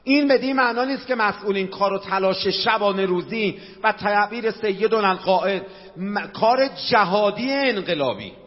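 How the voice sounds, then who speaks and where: A middle-aged man from Qom with a Qom Persian accent preaching a sermon, passionate, asking rhetorical questions and quoting Arabic. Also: sits high. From Qom, Iran. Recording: dull lo-fi sound with long hall reverb.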